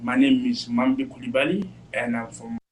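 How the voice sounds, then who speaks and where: A man's voice: medium pitch, normal speed, slight background noise. A man from Mali, a student, giving a testimonial, repeating words now and then. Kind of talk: testimonial interview. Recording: distant mic.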